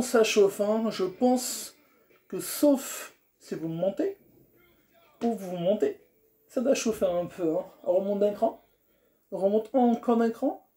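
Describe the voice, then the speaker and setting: A man's voice: high voice, warm tone. A man coaching a home workout, counting down reps and urging the listener on. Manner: encouraging, counts down reps, coaxing. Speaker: fitness coach. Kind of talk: guided home workout instruction. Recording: roomy with faint music.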